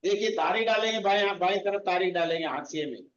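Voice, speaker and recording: A man's voice: sits high, fairly bright tone. Echoey far-off male law teacher. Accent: Rajasthani Hindi. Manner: mixes Hindi with slow, deliberate English legal phrases; addresses students directly, explaining step by step. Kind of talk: coaching class lecture. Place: classroom. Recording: echoey, distant, muffled room recording.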